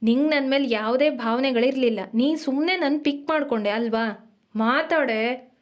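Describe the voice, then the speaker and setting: Audio drama: furious, wounded young man hurling questions at his partner, high-pitched and fast, as a woman reader voices him. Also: lightly acted. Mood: hurt, angry. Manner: raised, reproachful questioning. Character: angry young man, hurt lover.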